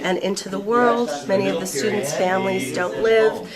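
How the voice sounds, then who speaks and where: A female teacher describing her summer class curriculum in a steady, measured way. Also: mid-range voice. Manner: steady, measured, a few fillers. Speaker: teacher of deaf students. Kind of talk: explaining a program to camera. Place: busy school classroom. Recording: loud classroom chatter behind. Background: loud chatter of students.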